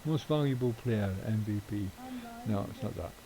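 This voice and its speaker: A man's voice: lowish voice, normal speed, a crowd in the background, low-quality recording. A middle-aged man streaming a game, chatting casually in a rambling way with offhand swearing. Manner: rambling, swears casually, chuckles at own jokes. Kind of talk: casual live-stream chat while gaming.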